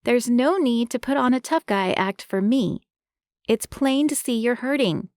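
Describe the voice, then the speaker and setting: Female narrator voicing a brisk, caring young woman, raised above her reading voice, dry booth. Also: fairly high pitch, darkish tone, no room sound, voice pushed up. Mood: tender. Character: caring young woman, fussing, tender-hearted.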